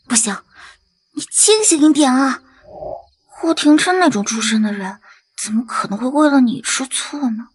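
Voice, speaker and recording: A young bride who is self-assured and quick-witted. Her voice is high and lively, with a slightly husky edge. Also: heavily acted. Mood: musing.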